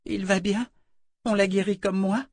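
A tearful little girl from a storybook, high and fragile, as a man reading aloud puts her on. She sounds plaintive and hurt, clinging to comfort. The recording is close and dry with no room around it. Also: little pitch movement, unhurried, dry recording.

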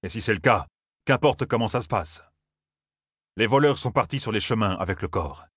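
A man's voice: on the low side, expressive, moderate pace, a bit bright, breathy edge, dry recording, studio quality, pitched above the performer's own voice. A man voicing a weary, stubborn warrior lord who speaks curtly, in a fantasy audiobook. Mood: dejected.

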